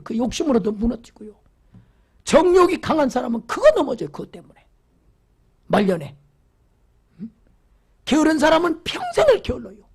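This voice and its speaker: A pastor giving a fervent church sermon, repeating phrases, asking the congregation questions, and dropping from loud exclamations to whispers. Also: mid-range voice, husky.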